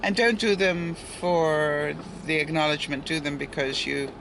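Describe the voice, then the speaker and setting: Here a low-pitched, fairly even voice belongs to an older woman who vlogs daily, speaking at a moderate pace. Out by a street in light rain, she rambles casually to viewers, tossing in asides and little chuckles. Cars pass throughout, so the audio is noisy with traffic and street sounds.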